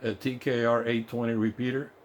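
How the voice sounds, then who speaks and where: A man's voice: mid-range voice, level tone, brisk. A man who is not a native English speaker gives an informal, enthusiastic, explanatory hands-on technical walkthrough as a radio technician. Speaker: radio technician demonstrating repeater equipment. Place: indoor home electronics workshop. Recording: clear background noise, workshop ambience.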